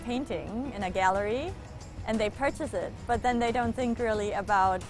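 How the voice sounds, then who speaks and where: A woman's voice: fairly high pitch, moderate pace, music in the background. A woman answering interview questions about arranging private jets, chatty and laughing between points. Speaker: private jet handling staff. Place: airport office.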